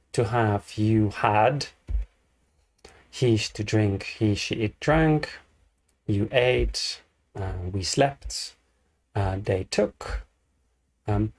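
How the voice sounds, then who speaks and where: A man teaching an English grammar lesson, explaining slowly and repeating each example. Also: mid-range voice, darkish tone.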